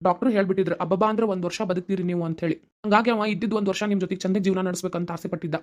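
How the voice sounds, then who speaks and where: A woman's voice: on the low side, fairly even intonation, rapid-fire, close to an everyday voice. A woman voicing a wealthy, kindly middle-aged family friend in a cartoon, speaking earnestly in a North Karnataka Kannada accent. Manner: earnest, reassuring, long explaining speeches. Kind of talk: cartoon voice acting.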